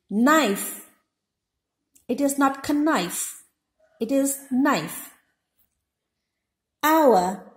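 Slow, high-voiced woman teaching a lesson. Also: darkish tone. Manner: repeats each example word slowly and explains. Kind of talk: slow, deliberate classroom lesson. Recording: echoey room.

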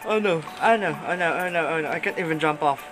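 A man's voice: fairly high pitch, quick pace, a bit bright, low-quality recording. Jittery young man panicking through a game. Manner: nervous, panicky, repeats "oh no" over and over. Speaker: gaming YouTuber. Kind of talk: let's play commentary. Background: game music.

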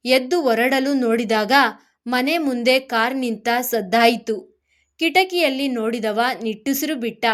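A woman narrating a serialized motivational story in a steady, earnest storytelling manner. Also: on the high side.

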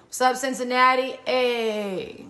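A woman's voice: high-pitched, fairly even intonation, takes it slowly, bright, forceful tone. Upbeat woman hosting a morning live stream. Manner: upbeat, colloquial, greets viewers by place; preacherly, encouraging.

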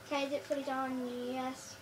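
Playing a building game as co-host, a girl chats casually and fires off quick instructions to her partner in a high, monotone voice. The audio comes from a phone camera pointed at the TV in a living room, so it sounds far off, with room noise.

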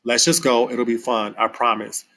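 A man reading as a soft-spoken teenage big sister. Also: mid-range voice, level tone, normal speed. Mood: coaxing. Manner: soft, coaxing. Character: gentle, protective teenage older sister.

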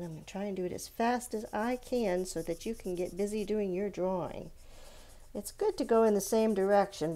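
A woman whose mid-range voice is a little mellow walks young children through drawing step by step. She keeps things simple and encouraging, often asking questions to check in.

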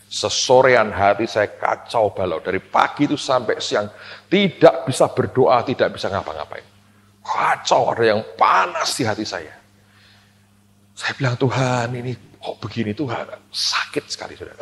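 A man preaching a sermon as a pastor, telling a personal story with loud, high bursts and laughing asides, then dropping quiet for serious moments. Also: lively intonation, moderate pace, a little hiss or hum. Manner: drops to quiet, low tones for serious moments. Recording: long hall reverb.

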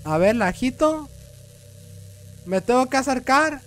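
High-voiced young Mexican streamer, crude jokes. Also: male voice, animated, measured pace, soft background music. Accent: Mexican Spanish. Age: young adult. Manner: crude joking, talks back to game characters; yells when startled. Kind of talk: gameplay commentary.

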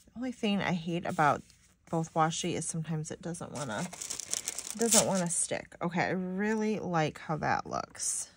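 A young planner vlogger from Michigan sounds very animated, her fairly low, slightly stuffy and nasal voice at a moderate pace with a little hiss or hum behind it. She talks straight to viewers while decorating her planner, rambling chattily with lots of "like"s.

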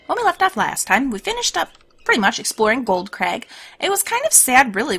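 A woman's voice: a little high, a bit bright. A woman with a scratchy, sore-throat voice gives casual video game commentary as host, chattily thinking aloud as she plays. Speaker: host of a let's play series.

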